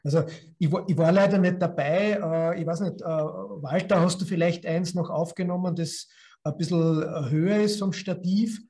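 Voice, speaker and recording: A man's voice: high voice, moderate pace, dark tone. A man talking about photographs in a casual discussion, hesitant and often restarting. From Austria. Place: studio room with concrete wall.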